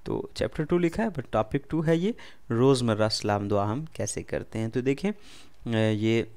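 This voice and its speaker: A language teacher with an Urdu accent leads a first beginner lesson in an expressive, slightly mellow, clean voice at a middle pitch. He goes slowly and patiently, saying each word again and asking the listener questions that he then answers himself.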